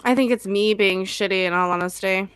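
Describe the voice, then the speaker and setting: A woman co-hosting a casual podcast, apologetic and swearing casually as she fights with a slow computer. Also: mid-range voice, slight background noise. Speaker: podcast co-host. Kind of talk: casual chat.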